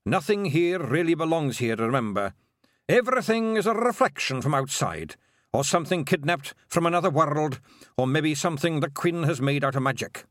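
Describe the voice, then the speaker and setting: A man's voice: fairly high pitch, expressive, moderate pace, fairly bright tone, no room sound, clean studio sound, voice pushed up. A man voicing a boastful little male pixie chieftain with a Scottish accent. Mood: gruff.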